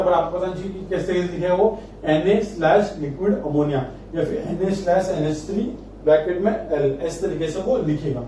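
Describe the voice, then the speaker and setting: A man with a high voice and dark tone delivers a spoken chemistry lecture, coaxing his students and answering his own questions. The room is echoey, the mic is distant, and there is faint noise.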